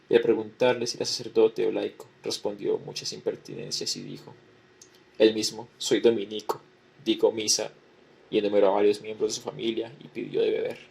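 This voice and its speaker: A man lecturing, reading a historical record aloud in a measured way and repeating the same formula as he goes. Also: fairly low pitch, creaky, darkish tone, breathy edge.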